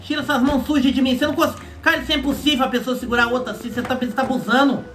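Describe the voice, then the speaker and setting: Game role-play: a squeaky, bright, hysterical homeowner, panicked and pleading. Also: male voice, fairly even intonation, racing. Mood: frantic. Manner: panicked, whiny, pleading shouts. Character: frantic shouting man, house on fire, face tattoo. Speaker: streamer playing a role-play game character.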